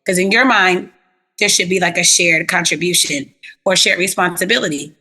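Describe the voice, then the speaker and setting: Bright-voiced chatty woman therapist. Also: fairly low pitch, normal speed, husky. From South Florida. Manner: animated, chatty, plain-spoken with slang. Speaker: therapist, interview guest. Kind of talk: casual interview storytelling.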